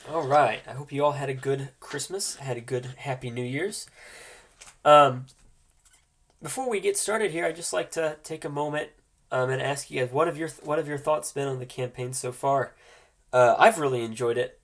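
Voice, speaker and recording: A man runs a tabletop roleplaying game as game master, his medium-pitched voice stuffy and nasal from a cold. He explains things in an informal, halting way.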